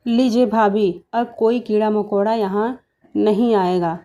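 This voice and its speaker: A helpful young sister-in-law from a cartoon story, voiced by a woman, calm and reassuring. Her voice is mellow and warm-toned. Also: medium pitch, measured pace, natural voice.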